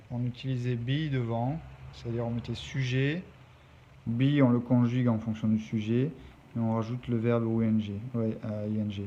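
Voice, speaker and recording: A man's voice: medium pitch, dark tone. A man who teaches English, explaining a lesson step by step and stopping to check that his pupils follow. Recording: dull lo-fi recording, faint background noise.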